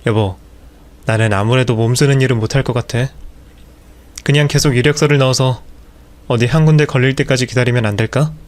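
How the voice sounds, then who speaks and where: A man's voice: mid-range voice, a little fast, long pauses, lightly acted. A man voicing a lazy, excuse-making unemployed husband. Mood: apologetic.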